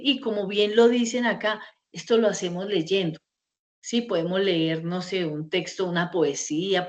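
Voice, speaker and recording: A woman teaching an online class over a video call, conversational, with many fillers and rhetorical checks. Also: medium pitch.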